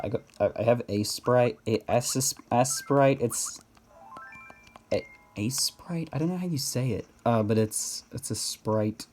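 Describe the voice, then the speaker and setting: A man's voice: fairly low pitch, a little mellow, a little hiss or hum. A man giving casual, rambling game commentary, thinking aloud and often questioning himself in a hesitant way. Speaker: gamer narrating own gameplay.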